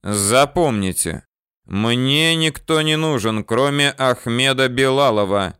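A ruthless gunman, as a male reader plays him laying down loud, deliberate threats, each word spaced out slowly. The voice sounds smooth and close, with no room around it. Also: mid-range voice, animated, dry recording, voice pushed up. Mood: menacing. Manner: loud, slow, threatening declarations. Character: hard, ruthless gunman, man, calm menace.

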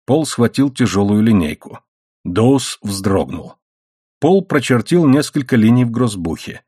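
Male audiobook narrator: husky, lively pitch, measured and expressive, dry close sound. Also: no echo.

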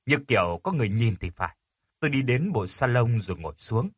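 A man narrating a first-person ghost story in an expressive, dramatic way. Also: mid-range voice, quick pace, breathy edge, no room sound, studio quality.

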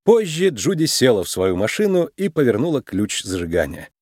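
A man narrating a children's storybook in a lively, expressive reading style. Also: mid-range voice, moderate pace, dry recording, studio quality.

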